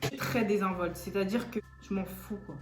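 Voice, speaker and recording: A woman in her early twenties, chatting casually and laughing as a co-host, in a relaxed, slangy way. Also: mid-range voice, a little fast. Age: 20s. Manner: laid-back, laughing, slangy. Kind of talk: casual chat. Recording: echoey room with faint music.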